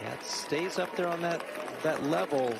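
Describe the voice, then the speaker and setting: A man's voice: fairly high pitch, normal speed, creaky, crowd noise. A man giving live golf commentary as a commentator outdoors on the course. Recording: loud outdoor course noise.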